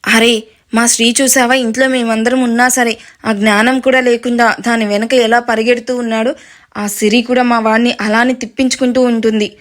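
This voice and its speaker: A woman's voice: a little high, lightly acted. A woman reading as a gossipy grumbling older woman.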